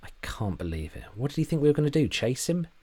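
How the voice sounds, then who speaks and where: A man's voice: mid-range voice, very animated, fast, darkish tone, pitched above the performer's own voice. A man doing a flustered, childlike Englishman. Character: hapless young Englishman, easily flustered, childlike.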